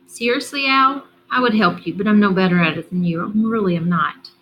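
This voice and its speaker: A teasing, easygoing teenage big brother who fixes cars, as a woman reads his part. His voice sits in a middle pitch and is lightly acted in a storybook reading. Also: animated, normal speed, muffled recording, a little hiss or hum, lightly acted. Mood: joking. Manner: joking, teasing.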